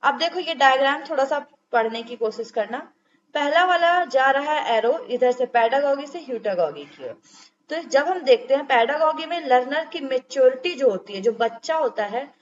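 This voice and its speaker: A woman's voice: sits high, expressive, moderate pace, lo-fi sound. A young woman teaching an exam-prep lecture, explaining step by step and asking checking questions.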